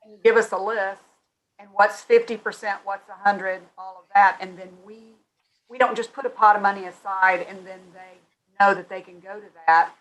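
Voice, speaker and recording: A woman's voice: mid-range voice, fairly even intonation, normal speed, fairly bright tone, rough recording. A woman on the fire district board, speaking in a remote meeting over a call line that keeps fading in and out. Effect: breaking-up call line that fades in and out.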